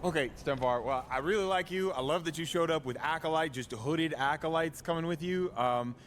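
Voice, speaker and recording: A man narrating and acting out his own game role-play in an animated, rambling way, often laughing. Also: on the high side, a little fast, slight background noise.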